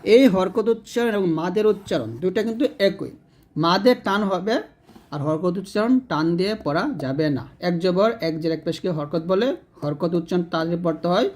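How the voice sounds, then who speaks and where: A man teaching Quran reading step by step, patiently repeating each rule and chanting the sample words slowly. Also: high voice, a little mellow. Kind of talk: step-by-step spelling lesson.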